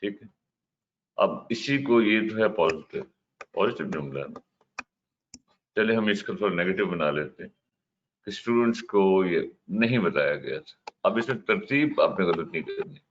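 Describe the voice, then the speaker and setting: Low-voiced man teaching English grammar. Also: lively intonation, long pauses. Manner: explains step by step, mixes English terms into his talk, asks the class questions. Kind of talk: classroom grammar lesson. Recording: dull, slightly noisy lo-fi recording.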